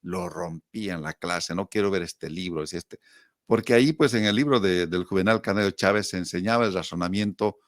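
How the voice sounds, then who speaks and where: A man's voice: low voice, a little fast, no room sound, clean studio sound. A middle-aged man with a Bolivian accent, reminiscing casually as an interview guest and telling his stories with quotes and rhetorical questions. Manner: animated storyteller, acting out quotes and asking himself rhetorical questions.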